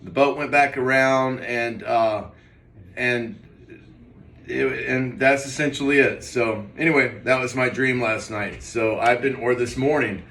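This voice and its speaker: A man's voice: mid-range voice, fairly even intonation, unhurried, a bit bright. A man casually rambling through a personal story, recounting a dream in a hazy, puzzled way with trailing, hesitant phrases. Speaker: vlogger. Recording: roomy echo, distant mic.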